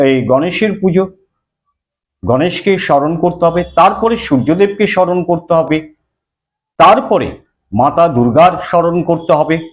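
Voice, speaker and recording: Slow, lively high-voiced man teaching scripture. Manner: recites verses then explains them, chants mantras slowly. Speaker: religious teacher. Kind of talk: scripture explanation.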